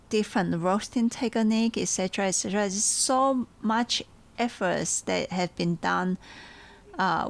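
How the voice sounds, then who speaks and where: With a medium-pitched voice marked by vocal fry, this Taiwanese-accented podcast host and tea seller muses casually, pausing now and then to find her words.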